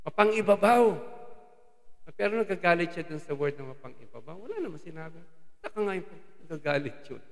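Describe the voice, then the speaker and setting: A Filipino man delivers a sermon in a gravelly voice that sits a little high for a man. His preaching is animated, with English phrases dropped in. The sound rings with long reverb from a church hall. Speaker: lay preacher.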